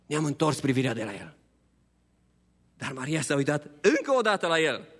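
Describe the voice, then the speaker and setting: A man preaching an Easter sermon as a pastor, passionate, shifting between hushed appeals and high pleading. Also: big pitch swings, husky. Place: church hall. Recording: long church hall reverb.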